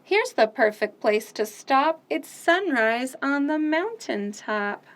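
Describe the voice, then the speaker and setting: Hosting a children's storytime, a woman reads picture books and sings nursery songs, her delivery animated and sing-song, full of loud, playful sound effects. She speaks in a high register and takes things slowly.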